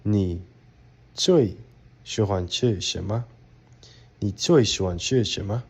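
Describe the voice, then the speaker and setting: Low, gravelly man speaking slowly. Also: darkish tone, no echo. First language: English. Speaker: language learner vlogging daily progress. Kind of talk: casual video diary and phrase practice.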